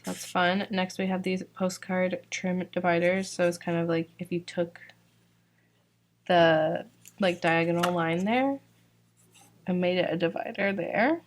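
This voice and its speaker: Presenting her sticker shop's new releases, a young woman from Georgia chats casually and without hurry, dropping "like" and "um" throughout. Her voice sits a little low with a steady tone and sounds a bit worn, as if she's been losing it lately.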